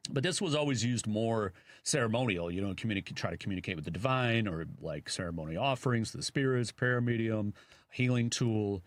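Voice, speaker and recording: Chicago guy on a talk show, deep voice, rambly with lots of you knows, dry close sound. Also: fairly quick, dry recording. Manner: rambling, full of "you know" fillers. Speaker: radio show co-host. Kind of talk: casual chat.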